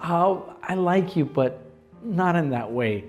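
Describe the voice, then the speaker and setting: A sweet, apologetic young woman friend letting a guy down softly, as a man mimics her in his own slightly lowered voice. Faint music plays underneath. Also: animated, slow.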